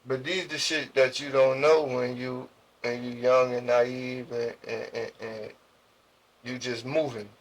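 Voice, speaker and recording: A young man from Jersey City with a New Jersey accent, telling his story as an interview guest in slangy, halting speech full of restarts. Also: mid-range voice, level tone, rough recording. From Jersey City, USA.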